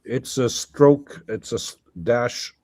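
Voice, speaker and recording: A man's voice: medium pitch, steady tone, takes it slowly, a little mellow. A scholarly man explaining at length in a conversation, thinking aloud with fillers and self-corrections. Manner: lecturing, thinking aloud with many fillers and restarts. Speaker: guest scholar. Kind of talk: academic conversation.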